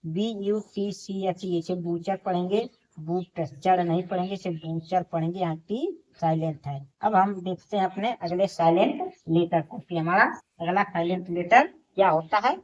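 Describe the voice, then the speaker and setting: A woman's voice: fairly low pitch, darkish tone, muffled recording. A woman teaching a lesson, spelling each word letter by letter and saying it again and again. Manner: spells words out letter by letter, slowly; repeats each word many times. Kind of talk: classroom lesson.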